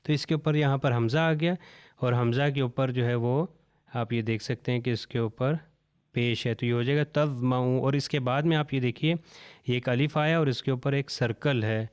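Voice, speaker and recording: A male Quran recitation teacher giving a step-by-step lesson, patiently repeating each word slowly and deliberately. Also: medium pitch, steady tone, clean tone.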